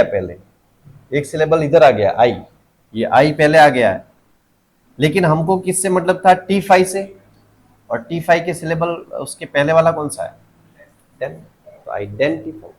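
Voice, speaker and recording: A middle-aged man with a Hindi accent, teaching a phonetics lesson. He keeps quizzing the class and repeats each word slowly. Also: medium pitch, poor audio. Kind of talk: phonetics lesson for exam students.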